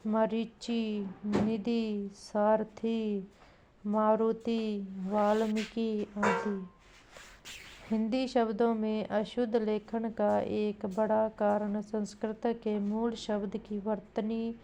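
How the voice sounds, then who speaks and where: A woman teacher drilling correct spellings in an exam-prep grammar lesson, deliberate and repetitive, now and then addressing her listeners directly. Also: medium pitch, dark tone, slight background noise.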